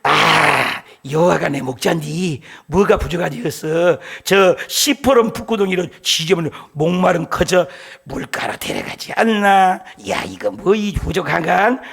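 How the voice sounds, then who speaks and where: A man voicing a plain-spoken fellow with a Pyongyang dialect, musing slowly and homely. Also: fairly high pitch, lively intonation, vocal fry, fairly bright tone, slightly rough, voice pushed down, full character voice.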